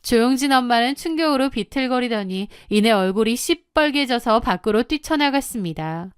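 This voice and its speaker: A woman's voice: fairly high pitch, clean tone, no echo, clean studio sound. A woman narrating her own story in the first person, confiding and matter-of-fact.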